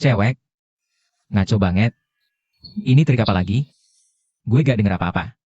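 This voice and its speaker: An actor dubbing a cocky, vain young rich boss in a drama series, talking in a smug, teasing way. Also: male voice, lowish voice, moderate pace, warm tone, dry recording, lo-fi sound, natural voice. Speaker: dub actor. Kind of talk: Indonesian dub of a drama series.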